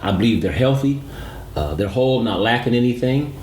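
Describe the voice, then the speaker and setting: Co-hosting a sports show, this man speaks at a medium pitch, brisk and animated with a touch of mellowness, driving home his analytical points by repeating them. Background noise is audible, and the room echoes.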